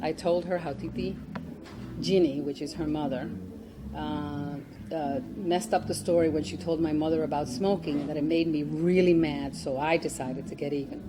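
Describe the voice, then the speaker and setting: A woman, an author, reading from her memoir at a live event, animated and chuckling, with spoken asides. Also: low-pitched, moderate pace, background noise.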